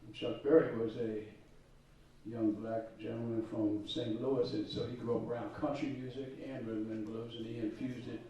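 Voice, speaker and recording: Brief: middle-aged man, laid-back rambling talker, warm tone, dull lo-fi sound. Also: mid-range voice, normal speed, a little hiss or hum. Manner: relaxed, rambling storytelling with fillers. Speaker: guitarist presenting to students. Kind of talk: spoken school presentation. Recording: dull echoey room from far off.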